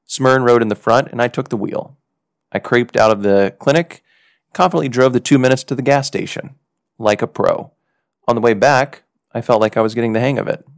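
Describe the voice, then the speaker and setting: Telling a personal story on his podcast, an American man reads scripted narration in a measured, earnest, reflective manner. His mid-range voice is creaky, and the recording is dry and studio quality.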